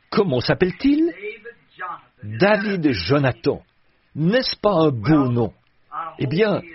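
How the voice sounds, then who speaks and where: Older preacher man with a lively voice. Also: fairly high pitch. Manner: folksy and joking, chatting with the congregation. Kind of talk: sermon. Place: church platform before a congregation. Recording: muffled old recording, audience heard.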